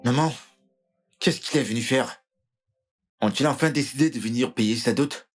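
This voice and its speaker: A man's voice: medium pitch, moderate pace, faint music behind, close to an everyday voice. A man voicing a defiant young brother who vows his family will not let it go, in a dubbed film drama. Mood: indignant. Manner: defiant, vengeful. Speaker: brother of the wronged sister.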